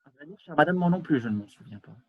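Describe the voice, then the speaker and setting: A man playing a stiffly polite English gentleman in an absurdist stage scene, speaking in a halting, ceremonious way over a video call. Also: a little high, animated, narrow, tinny audio. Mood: formal. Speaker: amateur actor.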